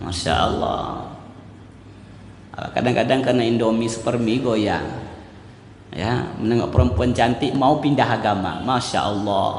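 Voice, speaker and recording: A man's voice: medium pitch, a bit bright, slight background noise. A male imam preaching a storytelling sermon, speaking directly and animatedly to his congregation. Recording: echoey hall reverb.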